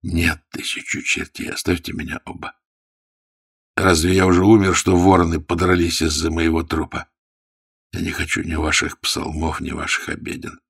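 A man voicing a wounded, dying captain who speaks quietly and scornfully in a weak, breathy voice. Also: low-pitched, completely flat delivery, normal speed, heavily acted. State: weak and fading.

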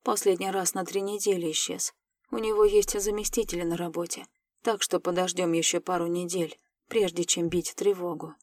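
A woman voicing a grown man, a calm time-travelling mentor, speaking in a measured, slightly lowered voice in an audiobook. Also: no room sound, studio quality. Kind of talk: audiobook character voice.

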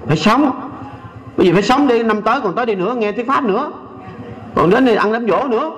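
Older monk with a Southern Vietnamese accent and a high voice, folksy and teasing in a sermon, slowing down to recite and sing verses. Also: male voice, lively intonation, poor audio. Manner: folksy, teasing, keeps asking the audience "right?". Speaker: Buddhist monk. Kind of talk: Dharma talk to a lay audience.

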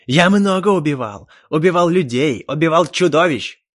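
A man voicing a furious, boastful male elf warrior who croaks and shouts in blunt, choppy bursts, as an audiobook character voice. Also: a little high, animated, normal speed, dry recording, clean studio sound, voice pushed up. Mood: enraged.

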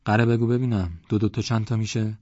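A man voicing a loud, boastful village man who mocks and rants. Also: lowish voice, flat delivery, dry recording, lightly acted. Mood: mocking. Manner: mocking, blustering, rambling complaints. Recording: dull lo-fi audiobook recording.

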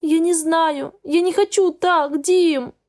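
A woman voicing a distraught young woman who pleads in a tearful, high, strained voice. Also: steady tone, takes it slowly, a little mellow. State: tearful, sobbing.

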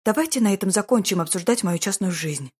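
A woman voicing a young high-society lady in an audiobook, pleading in a raised, breathless voice. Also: lively intonation, fast, darkish tone, husky. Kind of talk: audiobook character voice.

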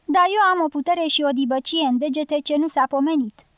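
A bored, teasing guerrilla sentry who jokes at the men he stops, read by a woman. The voice sits high and is recorded close and dry. It is an audiobook reading. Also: fairly bright tone, dry recording. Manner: teasing, mocking. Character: joking, careless male guerrilla sentry.

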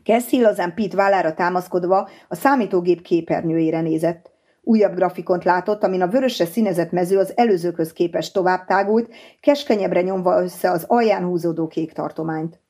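A woman reading an audiobook novel in an even, measured narration. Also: fairly low pitch. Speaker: audiobook reader.

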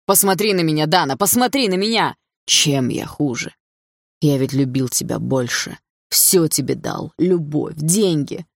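Brief: sneering, possessive stepfather, cold and taunting, low gravelly tone, voiced by a woman narrator. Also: expressive, unhurried, dry recording, clean studio sound, full character voice. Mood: angry shouting. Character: smug, possessive, menacing stepfather, adult man.

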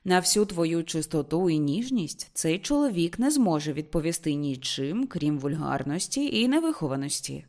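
A woman's voice: deep voice, very animated, normal speed, few pauses, darkish tone. A woman voicing a proper middle-aged mother who speaks in a firm, reasoning, disapproving way.

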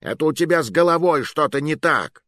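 A man's voice: mid-range voice, animated, a little slow, no echo, clean studio sound, natural voice. A man voicing a fat, easygoing male companion in an audiobook who brushes off worries and scolds bluntly. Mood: scolding.

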